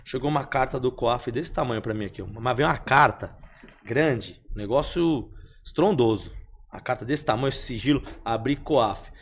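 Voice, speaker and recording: A young man, talking as a podcast guest. He tells his story casually, repeating himself and acting out every exchange. His voice sits at a middle pitch. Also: moderate pace, breathy edge. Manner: animated, repeats phrases, acts out the dialogue.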